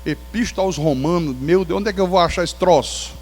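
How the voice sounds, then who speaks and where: A Brazilian man preaching as a pastor, telling his testimony in an animated storytelling way with touches of humor. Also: sits high, a little fast, in a large hall. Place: church sanctuary.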